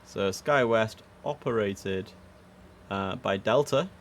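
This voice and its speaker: Speaking slowly in a fairly low voice, a man offers casual live-stream commentary while playing air traffic controller. He's easygoing, half talking to himself, and drifts into clipped controller phraseology.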